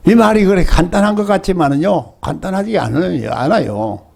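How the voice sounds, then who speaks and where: A man's voice: high voice, lively intonation, a little fast, creaky, darkish tone. An older male pastor with a Gyeongsang Korean accent, preaching a sermon and often asking the congregation rhetorical questions.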